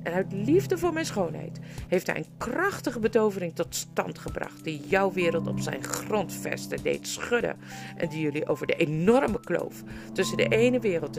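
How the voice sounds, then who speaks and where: A woman's voice: low voice, vocal fry. A woman voicing a proud, cruel adult queen in an audiobook, speaking in a haughty, commanding and scornful way. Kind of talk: audiobook character voice. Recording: music playing underneath.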